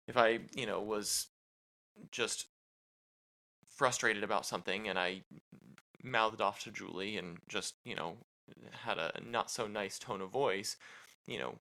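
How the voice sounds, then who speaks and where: A man's voice: on the low side, sharp tone. A man co-hosting a podcast with his wife, talking casually with lots of "you know" fillers and restarts. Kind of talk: casual chat.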